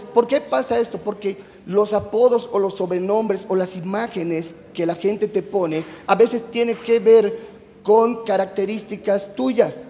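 A man's voice: high-pitched, dark tone. A man with a Mexican Spanish accent preaching a youth sermon to a live congregation in a church hall, chatty and teasing, quizzing the audience as he goes. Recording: echoey hall with long reverb.

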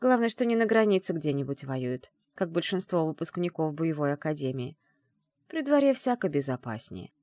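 A woman narrating an audiobook in the first person, with expressive storytelling. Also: deep voice, moderate pace, dry recording, clean studio sound.

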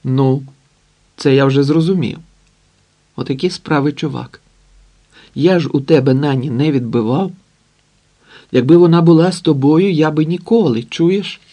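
A man's voice: fairly high pitch, a little slow, pauses often, mellow. A man voicing a blunt, cocky young mechanic who talks curtly in slang. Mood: persuading.

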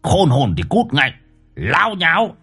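A man voicing a gruff, foul-mouthed old exorcist who growls threats. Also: fairly high pitch, huge pitch swings, measured pace, sharp tone, faint music behind, pitched above the performer's own voice, heavily acted. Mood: scolding.

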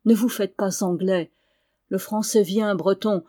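A woman's voice: medium pitch, fairly even intonation, unhurried, dark tone, natural voice. A woman reading the part of a dying old Breton lord who declaims a rousing prophecy in an audiobook. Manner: impassioned, rising declamation.

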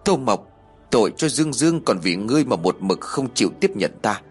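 A man voicing an enraged young man who shouts threats breathlessly in an audiobook. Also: mid-range voice, sing-song, fairly quick, slightly rough, soft background music. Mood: furious.

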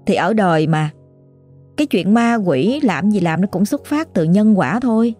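A woman's voice: mid-range voice, expressive, moderate pace, warm tone, slightly rough, soft background music. A woman with a Southern Vietnamese accent, hosting and retelling a listener's ghost story in a chatty, exclamatory way. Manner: chatty and exclamatory, with frequent fillers. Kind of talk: casual spoken storytelling.

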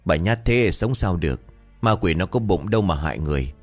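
Brief: narrator as a headstrong old boatman, low-voiced and steady, lively in his swings. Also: fairly quick, dry recording, soft background music. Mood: stubborn. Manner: firm, dismissive, low and steady. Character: stubborn, gruff older boatman husband.

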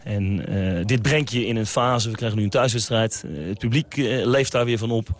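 Football coach talking after the game, lowish voice, calm and thinking it over. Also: male voice. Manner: measured, reflective, with hesitations and restarts. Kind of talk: post-match interview.

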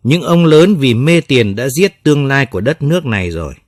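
A man voicing a grieving mother who speaks softly and tearfully. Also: mid-range voice, animated, moderate pace, dry recording, studio quality, lightly acted. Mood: sorrowful. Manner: tearful, pleading, soft. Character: grieving mother, gentle but firm.

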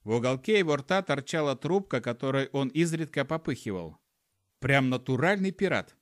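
A man's voice: medium pitch, lively intonation, moderate pace, no room sound, studio quality. A man narrating a humorous first-person audiobook in a wry storytelling manner. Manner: wry storytelling with acted dialogue.

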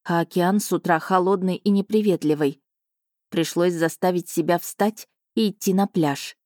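A woman reading a first-person audiobook in a lively, ironic storytelling manner, close to the mic. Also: fairly low pitch, normal speed, dry recording. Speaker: audiobook narrator.

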